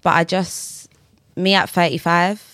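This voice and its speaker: A woman's voice: on the low side, fairly even intonation, measured pace, fairly bright tone, dry recording, clean studio sound. A woman in her late twenties with a London accent, chatting casually in street slang as a podcast guest.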